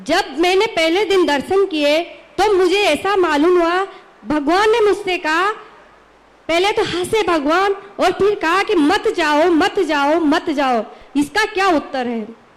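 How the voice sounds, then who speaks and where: A woman's voice: extremely high pitch, measured pace. A woman devotee earnestly and reverently asking a question.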